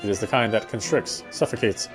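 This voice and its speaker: Over game music, a game streamer reads visual novel narration aloud with real expression, now and then stumbling over words. He has a lowish voice and a fairly quick pace.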